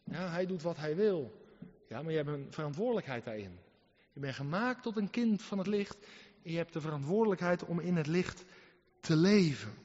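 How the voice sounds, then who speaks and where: High-pitched guy preaching a sermon, emphatic and earnest, kinda muffled lo-fi sound. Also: expressive, normal speed. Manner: emphatic, swings between loud exhortation and quiet earnest asides. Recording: muffled sound in a reverberant hall.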